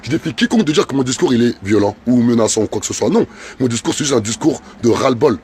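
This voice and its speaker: A man's voice: mid-range voice, lively intonation, quick pace, darkish tone, slight background noise. A French man speaking as a fervent activist, delivering an impassioned political speech in repetitive, rising emphatic bursts. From France.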